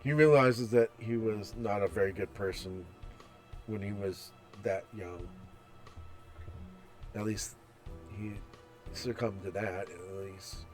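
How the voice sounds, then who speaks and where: A man playing through a visual novel, reading its text aloud with restarts and commenting on the characters. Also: on the low side. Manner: slow, chatty, reads text aloud with restarts. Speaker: gameplay narrator. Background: soft background music.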